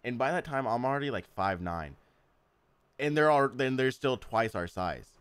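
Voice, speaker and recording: A man's voice: mid-range voice, lively intonation, moderate pace, a bit bright, clear, resonant tone, no echo. A young man hosting a podcast, telling a school story in casual chat, acting out quotes and laughing often. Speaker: podcast host.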